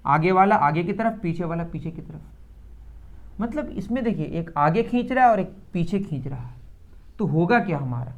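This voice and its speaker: A man's voice: on the high side, animated, normal speed, lo-fi sound. A man with an Indian accent teaching a physics lesson, who asks his students questions and then answers them himself. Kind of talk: classroom lecture.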